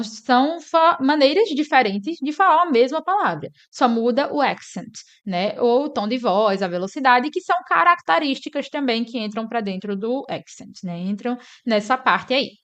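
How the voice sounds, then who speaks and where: A woman's voice: on the high side, animated, normal speed, fairly bright tone, muffled recording. A woman from Northeast Brazil, explaining an English lesson and often checking in with her listeners. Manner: explanatory, tags sentences with "né?". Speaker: English teacher.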